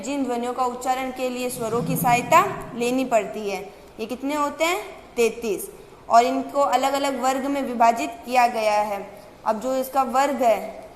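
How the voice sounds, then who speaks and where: A woman's voice: sits high, slight background noise. A woman teacher with a Rajasthani Hindi accent giving a grammar lesson, posing questions and answering them herself, drawing out key terms. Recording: echoey room with faint ambience.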